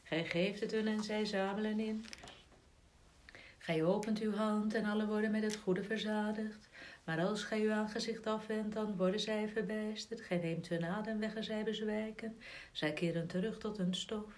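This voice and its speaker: A woman reading psalms aloud in a measured, solemn liturgical recitation. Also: medium pitch, fairly even intonation, darkish tone. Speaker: psalm reader.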